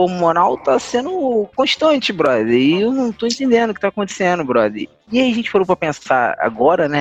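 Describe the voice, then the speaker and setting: A man's voice: fairly high pitch, lo-fi sound. A man telling anecdotes as a podcast guest, rambling and slangy, with frequent tag questions.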